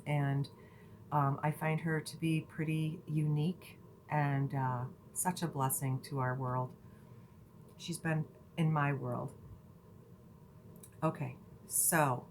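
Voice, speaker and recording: Low-voiced woman giving a casual spiritual reading. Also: a bit bright, a little hiss or hum. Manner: chatty, earnest, many fillers and restarts. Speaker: tarot reader.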